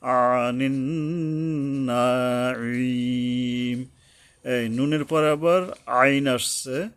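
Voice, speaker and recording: A man's voice: mid-range voice, dry recording. A man teaching tajweed, patiently explaining letters and pronunciation, repeating his points and breaking into chanted recitation. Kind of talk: slow tajweed lesson with Bengali explanation.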